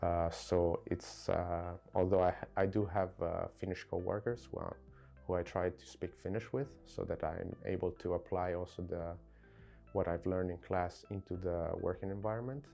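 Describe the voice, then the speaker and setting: Italian guy in his 20s, low mellow voice, lots of uhs, soft music behind. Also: fairly even intonation, gravelly. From Italy. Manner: earnest, halting with many fillers and restarts. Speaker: credit control specialist. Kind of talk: corporate interview.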